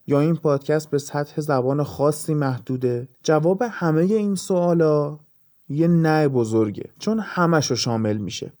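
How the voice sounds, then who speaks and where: A Persian-accented man from Iran hosts a podcast in a scripted monologue, with a voice that sits a little high. He explains step by step and lists ideas in short phrases. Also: a little mellow. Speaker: podcast host.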